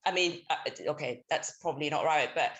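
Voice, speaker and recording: A woman in her thirties, from Somalia, speaks over a remote call with a low voice. She talks hesitantly, with many ums and restarts, as she puts her points to a book talk. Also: fairly quick, fairly bright tone, muffled recording. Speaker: audience caller. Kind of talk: casual remote question.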